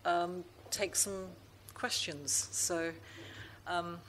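This woman speaks very slowly in a lowish voice, with slight background noise behind her. As host of a live literary panel on a festival stage, she is warm-hearted but hesitant, filling her thanks to the writers and her questions with ums.

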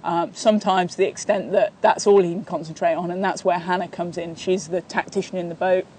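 Flat-toned woman in an outdoor interview. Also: fairly low pitch, a little fast, slight background noise. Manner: steady, even delivery with many fillers and restarts. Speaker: sailing coach and training partner. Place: outdoors in a sunny park by bushes.

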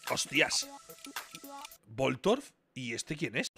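Excitable swearing Spanish streamer man. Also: mid-range voice, drawn-out words, gravelly, faint music behind. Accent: Spain. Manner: excitable, swears, bursts into shouts. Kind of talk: live gaming commentary.

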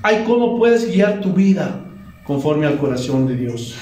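A man with a Bolivian Spanish accent preaching a sermon as pastor in a church hall, animated and full of exclamations. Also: fairly high pitch, measured pace. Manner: animated preaching, frequent "Gloria a Dios". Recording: echoey room, voice from far off.

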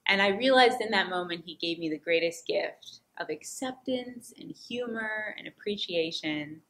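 A woman from the United States tells a personal story from her time as a volunteer teacher. Her voice is bright and forward. She delivers it expressively and acts out the lines she quotes. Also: on the low side, normal speed. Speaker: returned Peace Corps volunteer, former teacher.

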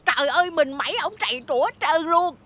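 A chatty village aunt. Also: female voice, a little high, moderate pace. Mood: chatty warm. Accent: Southern Vietnamese. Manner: chatty, animated storytelling.

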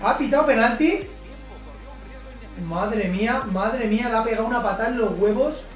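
A man commentates his own football video game match. He gets excited easily, shouts at big plays and groans when things go wrong. He sits back from the mic in an echoey room, with faint music underneath. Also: very high-pitched, moderate pace, recorded from a distance. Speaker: gaming YouTuber. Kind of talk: live gameplay commentary.

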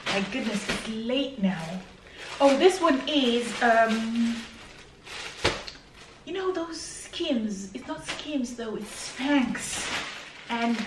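A woman's voice: fairly high pitch, animated, very slow, long pauses. A woman chatting casually through a grocery haul at home, sometimes dropping to a whisper. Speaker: vlogger. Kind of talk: casual shopping haul chat. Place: home kitchen. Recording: echoey room, far from mic, background noise.

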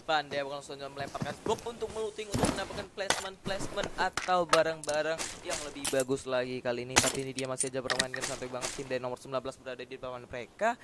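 A man giving relaxed, quick play-by-play on a live esports match. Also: mid-range voice, heavy background noise. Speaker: esports caster. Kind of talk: live game commentary. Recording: loud game gunfire behind.

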